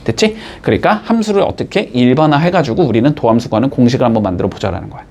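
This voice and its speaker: A man teaching a math class, explaining step by step and checking in with his students with quick rising tags. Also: medium pitch, expressive, vocal fry, a little mellow, highs cut off. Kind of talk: classroom lecture.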